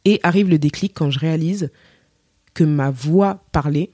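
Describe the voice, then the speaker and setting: A woman's voice: sits low, moderate pace, mellow, no room sound, clean studio sound. A woman from Cameroon, a singer, telling her story in a casual interview and acting out the voices she quotes. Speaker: singer, podcast guest.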